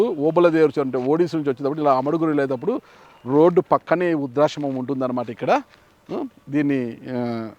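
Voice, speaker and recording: A middle-aged man, a journalist host, interviewing and narrating a field report in a gentle, measured way. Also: medium pitch. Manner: gentle, consoling, measured delivery.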